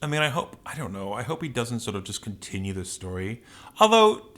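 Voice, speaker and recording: A man's voice: mid-range voice, very animated, a little fast, a bit bright. A man co-hosting a podcast, chatting casually in a rambling, opinionated rant with plenty of swearing. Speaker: podcast co-host. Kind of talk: casual ranting podcast chat.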